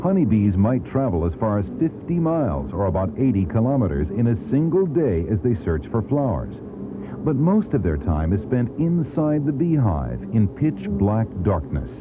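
A man narrating an educational documentary in a clear, teacherly way, heard from a worn VHS tape copy. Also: lowish voice, very animated, moderate pace, noisy background. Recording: thin, tinny worn VHS tape with music. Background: music score.

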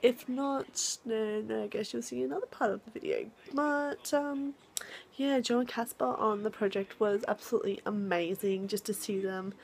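A woman's voice: on the high side, steady tone, normal speed, gravelly, a little mellow, a little hiss or hum. Chatty young Australian woman vlogging. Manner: chatty and rambling, lots of fillers. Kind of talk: casual vlog chat.

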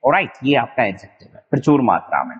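A man from Rajasthan gives a vocabulary lesson for exam students. His voice sits at an ordinary middle pitch and often stretches and repeats words, and he spells out letters one by one. The sound is thin and phone-like, with a long hall reverb trailing behind. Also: very animated, husky. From Rajasthan, India. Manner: explains in a mix of Hindi and English, drawn-out repeated words, spells out letters. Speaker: exam-prep English teacher.

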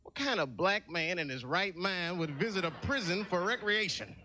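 A young stand-up comedian performs on stage before a studio audience in a laid-back, conversational way, asking the crowd questions. His high-pitched voice is bright and forceful with lively intonation at a normal speed, and there's slight background noise.

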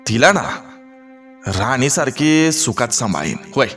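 A man's voice: mid-range voice, big pitch swings, a little slow, soft background music. Male reader voicing a brash, jeering village strongman in a told folk story; sneering, raised voice. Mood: mocking taunts. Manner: taunting, swaggering, loud. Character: boastful mocking male village wrestler, arrogant.

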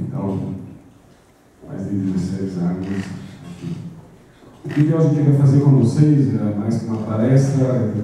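A middle-aged Italian man, speaking at a business event, gives a conference talk on stage in a lowish, warm voice with slight background noise. He's hesitant and uses lots of filler sounds. Picked up by a handheld mic and a distant camera, his voice echoes through a large auditorium.

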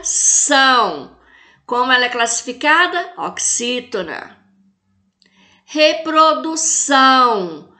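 A woman from Brazil, speaking with a Brazilian Portuguese accent, teaches a recorded class in a slightly high, bright, pushed voice. She goes slowly, spelling out and stressing syllables and posing rhetorical questions to her pupils.

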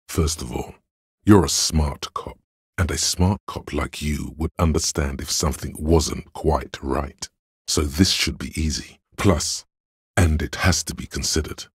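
A very deep, husky, gravelly male voice speaks as the detached logical inner voice of a detective, addressing the player as "you" in video game narration. He sounds measured, dry and condescending, a full character performance with no room sound.

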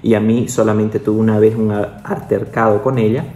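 A man's voice: level tone, normal speed, mellow. A young adult man, a doctor, telling a personal story in a casual vlog, chatty, with many little asides. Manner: chatty, peppers speech with "¿no?" and "o sea"; acts out quoted voices, with the pitch jumping up. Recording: roomy echo.

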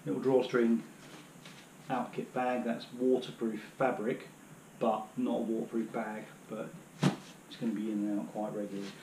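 Here a thirtysomething British man with a lowish, level voice talks at normal speed as he kneels at home and demonstrates his hiking gear for his outdoor vlog. His delivery is loose and rambling, heavy on fillers. The room echoes, the background is noisy, and the camera sits on the floor a few metres away.

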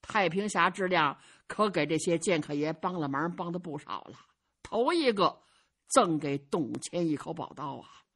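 A woman performing traditional Chinese storytelling, animated, with vivid sound words. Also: mid-range voice, breathy edge.

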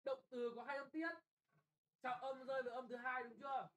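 A young man tutoring a class for an exam, brisk and bossy, often checking whether students follow and scolding them bluntly. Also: very high-pitched, little pitch movement, fairly bright tone, muffled recording. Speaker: English tutor.

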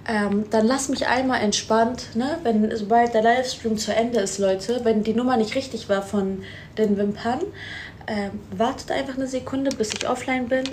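A woman's voice: on the high side, darkish tone, slight background noise. A woman of twenty-two, born in Afghanistan, chatting casually on a phone livestream, reading out viewer comments and answering them. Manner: chatty, switches between German and English, reads comments aloud and answers. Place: indoor room at home. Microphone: phone held close, front camera.

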